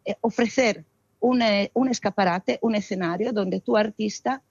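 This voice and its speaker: A woman's voice: medium pitch, moderate pace, creaky, slightly rough, no echo. Woman, dry and muffled. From Italy. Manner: expressive, with frequent hesitations. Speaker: guest, arts festival founder. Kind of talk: interview answers.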